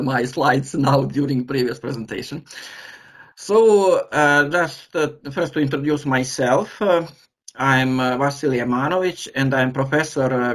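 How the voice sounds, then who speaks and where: This is a professor giving a lecture over a video call. His delivery is halting, with frequent pauses while he looks for the right word, and his pitch sits in an ordinary middle range for a man. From Serbia. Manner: halting, pauses often to search for words. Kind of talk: online lecture.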